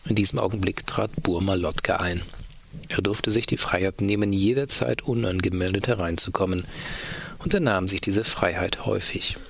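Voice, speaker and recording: A man reading a story aloud in a dry, measured way. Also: low-pitched, vocal fry, slightly rough, no echo. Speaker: narrator. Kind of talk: audiobook reading.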